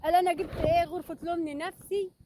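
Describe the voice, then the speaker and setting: Shrill, fast-talking Egyptian woman scolding. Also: steady tone, background noise. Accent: Egyptian Arabic. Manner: scolding, insulting and sarcastic. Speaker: YouTuber. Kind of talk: mocking rant.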